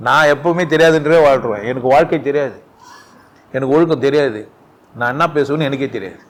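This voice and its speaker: A man giving an informal spiritual talk at a satsang, animated and full of rhetorical questions, often laughing as he speaks. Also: mid-range voice, a little fast. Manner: laughs often while talking.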